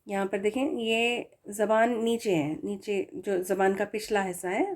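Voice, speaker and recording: A woman teaching Quran recitation, explaining each letter slowly, sounding out syllables and drawing out example words. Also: mid-range voice, steady tone. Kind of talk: spoken lesson on letter pronunciation.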